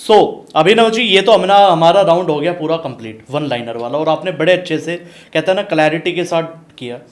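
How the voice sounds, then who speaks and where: A man hosting a business podcast, asking quick-fire questions and answering with short affirmations. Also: on the high side. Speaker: podcast host, business coach.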